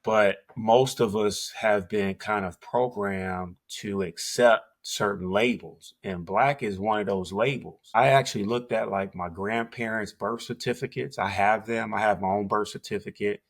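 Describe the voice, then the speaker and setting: A man's voice: lowish voice, unhurried, few pauses. A man co-hosting a podcast, speaking in an earnest, emphatic way about history and labels. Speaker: podcast co-host. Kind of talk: casual talk-show conversation.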